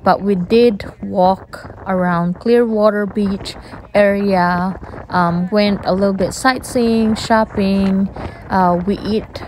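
Slow-talking Filipina vlogger, noisy outdoor phone audio. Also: female voice, medium pitch, fairly even intonation, a little mellow. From Philippines. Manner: chatty, simple phrasing with small grammar slips. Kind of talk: casual travel vlog narration. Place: outdoors, in a car and on a windy beach. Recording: background noise from car and wind.

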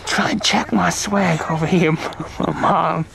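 A man's voice: on the high side, steady tone, takes it slowly, gravelly, fairly bright tone, slight background noise. A man bantering casually with a friend, goofy and teasing. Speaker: friend on the vlog.

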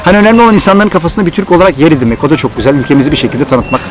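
A middle-aged man from Turkey with a Thracian accent, excitedly telling a personal story to his vlog viewers. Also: fairly high pitch, rapid-fire. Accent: Thracian Turkish. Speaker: vlogger.

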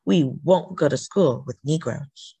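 Her voice low, gravelly, and breathy at the edges, a woman reads a children's book with expressive storytelling, deliberate phrasing, and emphasis. The recording has no echo.

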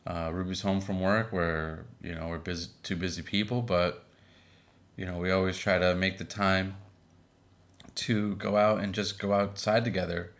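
A man from Boston in his thirties, co-hosting a casual podcast with his wife, relaxed and full of fillers. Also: deep voice, normal speed. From Boston, Massachusetts. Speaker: podcast co-host. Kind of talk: casual chat.

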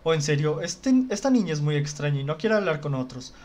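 A man's voice: on the high side, expressive, brisk, a little mellow, lightly acted. A man voicing an arrogant, tall, thin older female teacher in a visual novel game, speaking in a stiff, scolding way. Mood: stern.

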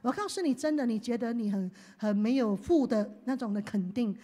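Woman pastor, high voice, sermon that swings from hushed to loud. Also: animated, fairly quick. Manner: leads the congregation in call-and-response, swings from hushed to loud.

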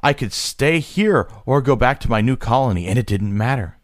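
A man, a podcast co-host, reading a short science-fiction story aloud at a slow, measured pace, sometimes stumbling over a word. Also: medium pitch, expressive, no echo, clean studio sound.

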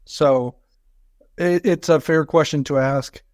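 Flat-voiced man, measured and hedging. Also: a little high, no room sound, clean studio sound. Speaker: sports podcast co-host. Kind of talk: casual sports analysis talk.

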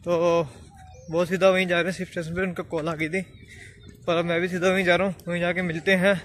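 Young man, casual daily vlogger, higher pitch, steady and flat, light background hiss. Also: quick pace. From Haryana, India. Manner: chatty running commentary to camera. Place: kitchen, then outdoors on streets. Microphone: phone at arm's length.

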